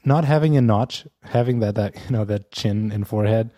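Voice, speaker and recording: A man's voice: lowish voice, a little fast, dark tone, dry recording. A man co-hosting a podcast, chatting casually and rambling, with lots of fillers and restarts. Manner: rambling, many fillers and restarts, laughs often. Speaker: podcast co-host. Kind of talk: casual chat. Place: lives in Amsterdam.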